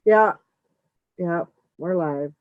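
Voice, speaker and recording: A woman's voice: lowish voice, extremely slow, dry recording. A woman hosting a casual live stream, checking her audio, her voice muffled as if heard through a wall. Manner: chatty, fussing over audio checks. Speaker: livestream host. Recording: muffled phone-like dry audio.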